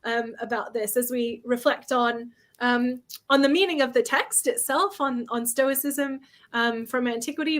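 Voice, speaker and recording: A woman lecturer speaking on a video call in a reflective way, often hedging as she speaks. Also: on the high side. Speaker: guest lecturer. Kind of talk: academic discussion.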